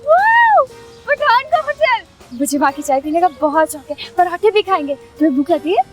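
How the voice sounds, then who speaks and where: A woman's voice: sits high, fast talker, a little mellow, soft background music, natural voice. An actress playing a spoiled, dramatic young newlywed wife in a TV drama, demanding and dropping English words into her talk. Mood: fussy. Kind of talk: TV drama acting.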